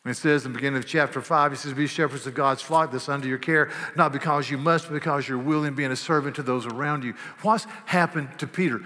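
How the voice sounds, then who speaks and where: Animated preacher in an echoing hall. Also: male voice, mid-range voice, fast, hardly any pauses. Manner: animated, swings from loud bursts to hushed asides. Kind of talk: sermon. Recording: long reverb of a large hall.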